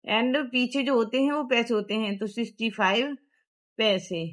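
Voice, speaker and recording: A woman with an Indian accent teaching a primary-school math lesson, explaining step by step and switching between Hindi and English. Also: fairly high pitch. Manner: reads English textbook sentences very slowly. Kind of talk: explaining a textbook lesson to young pupils.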